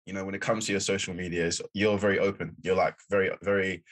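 Man, podcast host, very deep voice, husky, quick, relaxed, agreeable. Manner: relaxed, agreeable, lots of back-channel "yeah". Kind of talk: casual interview chat.

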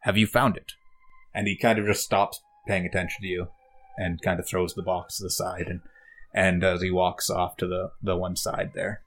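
A man narrating a tabletop game as game master, in a halting way full of fillers and restarts. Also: low-pitched, completely flat delivery, fairly bright tone.

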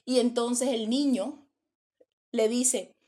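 A woman's voice: on the high side, fairly even intonation, slow, warm tone. A woman preaching a sermon, telling stories dramatically and acting out the voices. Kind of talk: sermon storytelling.

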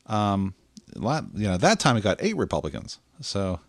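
Man, lowish voice, casual podcast chat, loose and filler-heavy, dry close sound. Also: normal speed, no echo. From Pittsburgh area. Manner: relaxed, chatty, lots of fillers. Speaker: podcast co-host.

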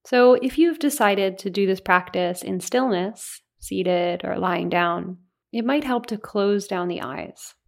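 A woman's voice: medium pitch, creaky. Soothing woman guiding a meditation. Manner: soothing, unhurried delivery with gentle pauses. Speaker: meditation guide. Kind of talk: guided meditation.

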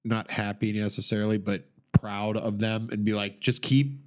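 A man's voice: lowish voice, little pitch movement, normal speed. A man co-hosting a sports podcast, chatting casually and cracking jokes. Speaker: podcast co-host.

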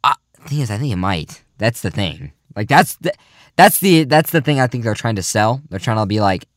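A young man hosting a casual, goofy podcast chat, talking in a mock-serious, rambling way that often trails off quietly. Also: on the low side, sing-song, moderate pace, dry recording, studio quality. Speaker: podcast host.

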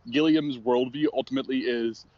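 A man calling in over his phone from a rooftop, chatting casually about films, often stumbling and restarting words before warming up. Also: mid-range voice, dry recording. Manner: halting, restarts words, then animated. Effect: talking over a phone line. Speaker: film editor, regular guest. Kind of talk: casual podcast chat about movies. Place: outdoors on a parking garage roof. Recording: dull lo-fi phone audio.

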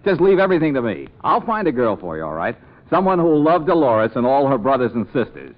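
An actor playing a breezy, wisecracking private detective in a 1940s radio drama. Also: male voice, mid-range voice, big pitch swings, fairly quick, natural voice. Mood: amused. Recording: muffled vintage radio recording.

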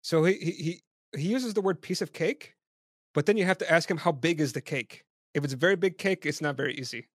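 A man's voice: on the high side, fast, dry recording, clean studio sound. A man hosting a casual interview, self-deprecating and stammering on repeated words. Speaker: podcast host.

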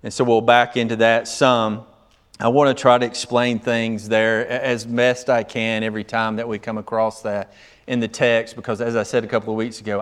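Pastor, male, sermon delivery; smooth resonant tone, measured pace with drawn-out emphasis. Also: fairly low pitch. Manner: measured preaching with slowed emphatic phrases.

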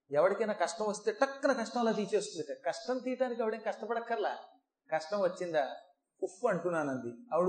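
A man giving a devotional scripture discourse, telling it in an animated way and changing his voice to act out the verses. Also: high voice. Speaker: Puranic discourse speaker. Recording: echoey hall recording.

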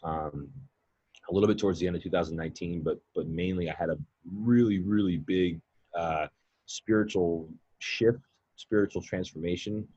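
A man in his late twenties, a mindset coach, talks casually on a podcast as a guest, wandering with fillers and repeated words. His deep, dark, husky voice keeps a moderate pace, and the recording is lo-fi.

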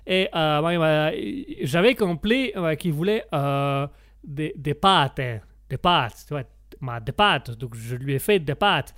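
A man puts on a chatty Italian man who makes pasta. He speaks in a thick put-on Italian accent with a smooth, slightly high voice, slow and halting, and leans on "ma" between phrases. The sound is close and dry. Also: lively intonation, a bit bright, dry recording. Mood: rambling. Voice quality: slow and halting, fills gaps with "ma".

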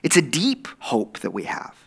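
A man's voice: medium pitch, wildly swooping pitch, moderate pace, gravelly, breathy edge. A middle-aged man with an Oklahoma accent preaching a sermon in a conversational way, checking in with listeners and repeating phrases for emphasis. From Oklahoma, USA. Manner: conversational, with check-in tags like "right?" and "okay?".

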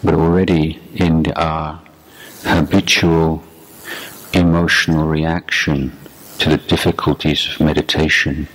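A Buddhist monk and meditation teacher with an extremely low voice leads a guided meditation in an unscripted dharma talk. He speaks slowly and deliberately in short phrases separated by long pauses, his pitch staying very even. The recording is low quality.

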